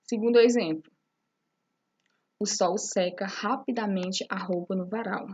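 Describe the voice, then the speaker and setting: A woman's voice: medium pitch, fairly even intonation, a little slow, darkish tone, breathy edge. A woman teacher explaining a lesson step by step, often checking in with her students. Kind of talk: recorded classroom lesson.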